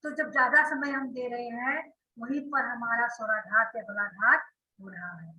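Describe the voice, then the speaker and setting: A woman's voice: on the high side, steady tone, moderate pace, bright, forceful tone, roomy sound, dull audio. A woman schoolteacher giving an online grammar class, explaining step by step and often checking that her students follow. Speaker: school teacher.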